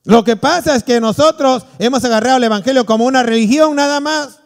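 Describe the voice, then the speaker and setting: High-voiced preaching pastor in a reverberant hall. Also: male voice, fairly quick, vocal fry. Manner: animated preaching with acted-out quotes. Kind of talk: sermon. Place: church hall. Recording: long church reverb.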